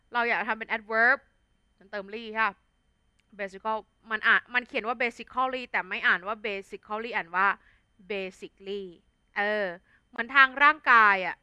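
A woman's voice: fairly high pitch, pushed and bright, smooth, no echo. A young adult woman with a Thai accent teaching an English vocabulary lesson in a chatty, casual way, full of fillers and tag words. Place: studio.

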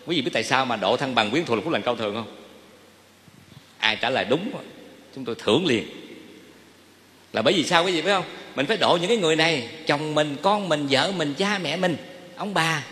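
A man's voice: a little high, in a large hall. A man with a Southern Vietnamese accent, a Buddhist monk giving a dharma talk and often asking the audience questions. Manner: lively, asks the audience questions.

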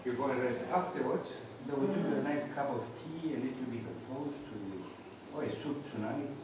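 A middle-pitched man talks casually at a patient's bedside, giving short instructions. The room is very echoey and full of loud noise. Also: moderate pace. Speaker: medical staff attending a patient. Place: tiled operating room and hospital corridor. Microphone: camera mic at a distance. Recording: echoey, very noisy room, distant mic.

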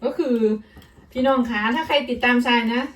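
A woman's voice: sits high, fairly even intonation, fairly quick, recorded from a distance. A woman chatting casually to her viewers as she cooks at home, addressing them as family. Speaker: vlogger. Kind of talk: casual chat while cooking. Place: home kitchen.

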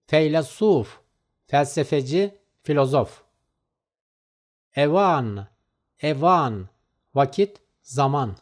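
A man slowly reading vocabulary lists, saying each word twice and then its meaning, with measured pauses. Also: on the high side. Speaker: vocabulary teacher. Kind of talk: slow word-list recitation.

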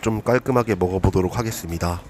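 A man's voice: deep voice, fast, darkish tone. A man food vlogger talking with his mouth full while eating, sheepishly muttering to the camera. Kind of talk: casual food review.

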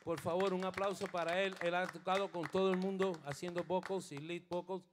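A middle-aged Puerto Rican bandleader and bassist plays bass while speaking into a stand mic on an indoor studio stage with his band. His fairly high voice is a little fast and flat in delivery as he introduces the band, switching between Spanish and English and hesitating before building into fervent, sermon-like spiritual encouragement. There is background noise.

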